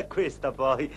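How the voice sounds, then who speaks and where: A passionate young professor. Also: male voice, high-pitched, a little hiss or hum, exaggerated voice. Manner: pleading, passionate. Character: ardent young male professor in love. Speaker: romantic lead. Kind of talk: dubbed telenovela acting.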